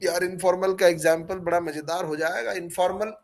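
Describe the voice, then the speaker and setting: A man's voice: high voice, steady tone, brisk, low-quality recording. A man teaches a live online class. He explains each idea through everyday examples and keeps checking with his students by asking questions.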